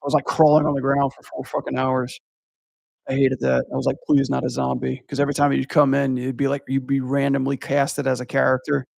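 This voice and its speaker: A man with a gravelly, creaky voice talks casually and swears a lot, trailing through sentences with constant filler words. He sits close to the mic in a dry, dead room with no echo. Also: medium pitch, monotone, fairly quick, a little mellow. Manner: rambling, profane, heavy use of filler words. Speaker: podcast guest recounting a haunted house job. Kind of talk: casual chat.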